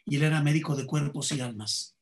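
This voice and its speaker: His voice runs somewhat high, a bit fast, and gravelly. In an interview, this Mexican-accented comedian spins anecdotes and acts out the lines of each character.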